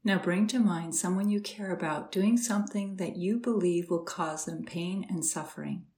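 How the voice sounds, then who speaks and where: In a slightly low voice, a woman leads listeners through a guided meditation. She talks slowly and softly, pausing calmly between her gentle, soothing directions.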